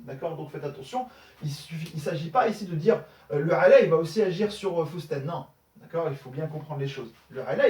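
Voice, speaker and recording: A man's voice: fairly high pitch, a little mellow, distant mic. Man teaching grammar with many fillers. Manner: explanatory, many fillers, checks understanding with "d'accord?". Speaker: Arabic teacher. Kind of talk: recorded grammar lesson correcting exercises. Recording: echoey room, voice somewhat off-mic.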